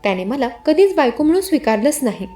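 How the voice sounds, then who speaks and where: A woman voicing a patient young wife and elder sister in a spoken story, who speaks softly and quietly. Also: high voice, sing-song, fast talker, soft background music. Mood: sad. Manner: soft, hushed.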